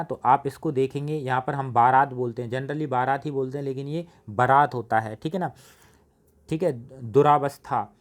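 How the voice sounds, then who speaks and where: A man lecturing for an exam prep course at a middle pitch. He explains patiently and keeps checking in with short tag questions as he works through each point. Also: a little mellow. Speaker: teacher.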